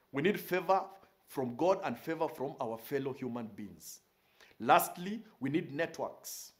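A man in his forties, a pastor standing in a small studio, preaching a recorded sermon with emphasis and repeating his key phrases. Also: on the high side. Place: indoor studio with purple curtain backdrop.

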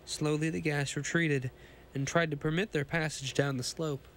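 A podcast host, hoarse and sick with a cold, reads pulp sci-fi aloud and often trips over lines, starting them again. His voice is a little high and a bit bright, steady in tone at a normal speed, over a little hiss or hum.

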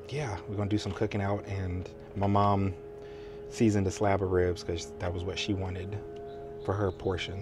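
Low-voiced man narrating a casual vlog. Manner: relaxed, chatty, with easy fillers. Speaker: vlogger. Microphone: handheld vlog camera.

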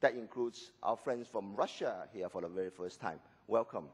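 A man from Hong Kong, losing his voice, gives a formal welcome speech as an executive director, measured and pausing with occasional "uh"s. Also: on the low side, very noisy. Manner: measured, with frequent pauses and filler "uh"s.

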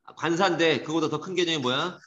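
A man teaching an English grammar lesson to a class, lively and teasing, scolding students. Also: fairly high pitch, fast. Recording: dull echoey classroom recording.

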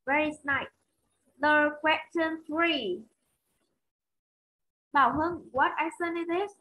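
A woman's voice: sits high, slow pace, bright, forceful tone, rough recording. A woman with a Vietnamese accent teaching English in an online class over a video call, calling on students by name, repeating their answers and switching between English and Vietnamese.

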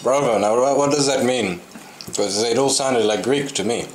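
A man's voice: medium pitch, normal speed. A man hosting a casual chat, putting questions to his companions. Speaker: podcast host. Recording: echoey room with clear background noise.

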